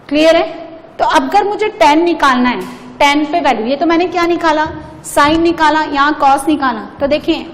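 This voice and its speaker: Woman maths teacher, quizzes the class as she goes, slow and deliberate, faint background noise. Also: high voice, long reverb tail. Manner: prompts students to answer, mixing Hindi and English. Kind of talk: blackboard maths lecture.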